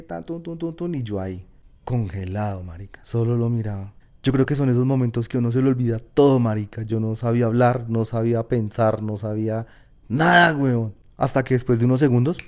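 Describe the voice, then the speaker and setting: A man with a Colombian Paisa accent telling a personal story in a casual, slangy, lively way. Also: medium pitch, highs cut off. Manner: casual, slangy, animated retelling.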